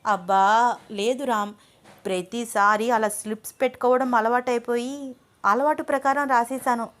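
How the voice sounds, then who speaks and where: A woman's voice: fairly high pitch, fairly even intonation, normal speed, a bit bright, close to an everyday voice. A woman voicing a headstrong young wife and student who answers back in a pouty, defiant way. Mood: sulky.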